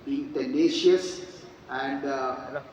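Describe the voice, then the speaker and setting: A man, speaking as a panelist and laying out his points one by one in a measured way. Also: medium pitch, a little mellow. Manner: measured, lists points in order. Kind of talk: panel talk. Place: large event hall with audience. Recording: distant echoing hall, audience noise.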